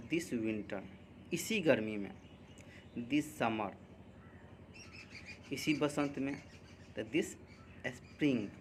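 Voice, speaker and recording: A male teacher teaching English grammar at a very slow, deliberate pace. He spells out each example sentence piece by piece, at a mid pitch. Faint ambient noise sits behind him. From India.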